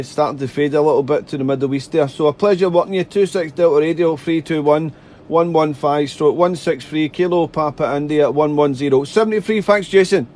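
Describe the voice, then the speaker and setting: Indoors at a radio desk, an amateur radio operator who also live streams makes contacts in a slightly high, darkish voice. He is chatty and polite, repeating himself and spelling out callsigns phonetically.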